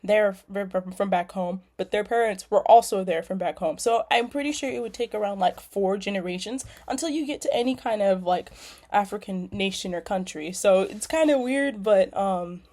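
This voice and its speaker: A young nursing student from California casually introduces herself in a video, using lots of ums and likes. Her voice is mid-range, a little mellow and at normal speed, while lawnmowers run outside.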